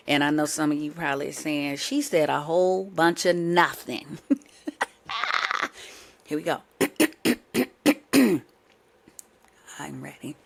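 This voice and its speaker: A young adult woman hosts her own podcast, chatting playfully and straight to her listeners despite a sore throat. Her voice is deep and creaky.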